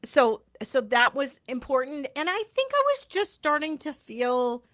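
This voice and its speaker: A woman's voice: sits high, sing-song, a little slow, a bit bright, no echo, clean studio sound. A woman podcast host chatting casually on a live stream, informal and apologetic, thinking aloud as she goes.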